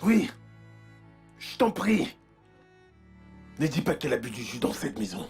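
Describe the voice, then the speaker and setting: An actor dubbing an anxious husband, talking urgently and repeating himself in a dubbed film. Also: male voice, mid-range voice, sing-song, measured pace, gravelly, a little mellow, soft background music. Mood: insistent.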